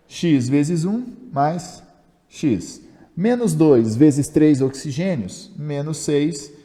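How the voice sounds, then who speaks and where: A man's voice: mid-range voice, dark tone, long reverb tail. A Brazilian man teaching chemistry in a chatty video lesson, asking himself questions and answering them, with jokes at his own expense. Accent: Brazilian Portuguese. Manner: jokey and self-mocking. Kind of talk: video lesson explaining step by step.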